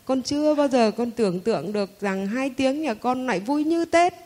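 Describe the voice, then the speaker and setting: A middle-aged woman tells her own spiritual story in a fairly high voice. She speaks in a heartfelt, conversational way and often pauses on small fillers before going on. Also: lively intonation, a little mellow. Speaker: Buddhist lay follower. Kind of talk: personal spiritual testimony.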